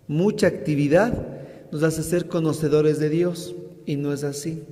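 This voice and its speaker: A male preacher giving a sermon, telling a story dramatically and loudly acting out the voices in it. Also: on the high side. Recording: echoey hall reverb.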